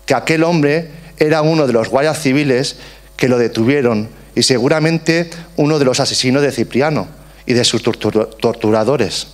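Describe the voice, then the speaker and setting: A man in his forties reading a prepared, emphatic testimony aloud at a book presentation. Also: medium pitch. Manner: earnest, emphatic, slogan-like closing.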